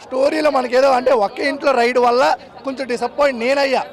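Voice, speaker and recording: A man giving a measured street review of a film, weighing its strengths against its weaknesses. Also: very high-pitched, fairly even intonation, a faint crowd. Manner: measured, critical, weighs pros and cons.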